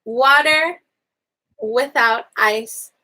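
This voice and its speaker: Here a young woman leads an informal online Spanish class on basic phrases, bubbly and animated, with plenty of laughter and a voice that dips and soars. Her delivery is extremely slow, and the audio is poor.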